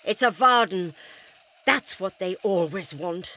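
A woman's voice: fairly low pitch, animated, slow pace, bright, forceful tone, a little hiss or hum, full character voice. A woman reading the part of a grim, urgent male doctor in a storybook. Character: grim, brisk male doctor, older and knowing.

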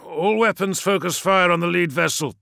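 A man's voice: high voice, normal speed, creaky, sharp tone, clean tone, no echo, studio quality, voice pushed up, exaggerated voice. A man voicing a wounded, battle-scarred male starship commander who barks harsh, grating orders. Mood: barking orders.

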